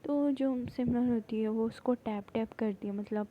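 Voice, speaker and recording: A woman casually retelling a drama plot, rambling with many fillers and halting restarts. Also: on the high side, narrow, tinny audio. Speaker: storyteller recapping a drama plot.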